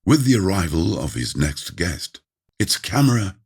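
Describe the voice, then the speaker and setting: A deep, gravelly male announcer reads the show's opening voice-over. His husky tone swoops widely in dramatic sweeps. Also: very animated, normal speed. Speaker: show announcer. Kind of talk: scripted voice-over intro.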